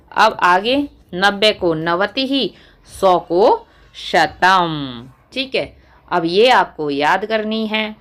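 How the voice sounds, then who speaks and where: A woman teacher giving a lesson, reciting number words slowly and asking the viewer questions as she goes. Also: medium pitch, fairly bright tone. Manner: slow, deliberate recitation, quizzing the viewer. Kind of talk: classroom lesson.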